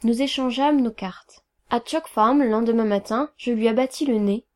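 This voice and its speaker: A woman's voice: on the high side, moderate pace, a little mellow. Woman reading a satirical tale aloud. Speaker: reader.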